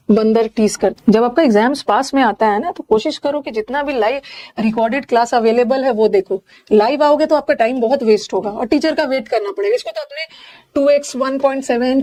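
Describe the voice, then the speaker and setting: A woman's voice: a little high, darkish tone, slight background noise. A woman with an Indian accent teaching English synonyms in a live online class, explaining each word with jokes and memory tricks.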